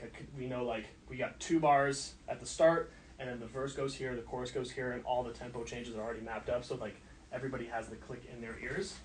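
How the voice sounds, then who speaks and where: A man's voice: mid-range voice, a little hiss or hum. A man showing people around a recording studio, explaining in a loose, rambling way full of filler words. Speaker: studio engineer giving a tour. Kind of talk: casual walkthrough explanation. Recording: roomy sound, mic at a distance.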